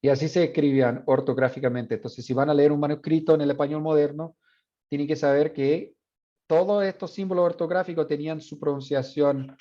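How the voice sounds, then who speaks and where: Professor with a dark, dull-sounding voice. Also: male voice, on the high side, fairly even intonation, a little fast. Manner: explains step by step, asks the class questions, models sounds. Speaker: university Spanish professor. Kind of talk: classroom lecture on phonetics. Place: classroom. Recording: dull lo-fi classroom recording.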